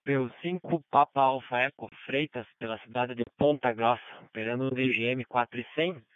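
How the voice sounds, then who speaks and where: A man's voice: medium pitch, brisk, clear, resonant tone, no room sound, phone-quality sound. A man, an amateur radio operator checking in over a band-limited digital repeater. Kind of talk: radio check-in with spelled call sign.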